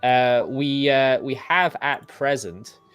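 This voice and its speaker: A man's voice: medium pitch, slow, a bit bright, clean tone, no echo, lo-fi sound. An English man hosts a casual livestream, rambling and self-deprecating as he restarts his sentences. His voice sounds dry and close to the mic. Faint music plays behind him. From England. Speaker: host.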